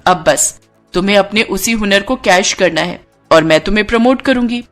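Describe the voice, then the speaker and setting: A woman plays a glamorous young actress in Hindi cartoon story dialogue, sounding effusive and self-assured as she affectionately bosses others like a big sister, her tone carrying thankfulness. She speaks at a moderate pace in a fairly bright, natural mid-range voice, with faint music behind her.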